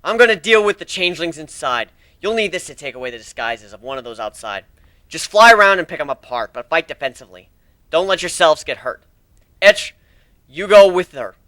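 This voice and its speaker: A man's voice: a little high, expressive, fairly quick, pushed and bright, no room sound. A man voicing a bold, battle-hardened griffin fighter who barks orders in a fantasy story reading. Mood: commanding, steady.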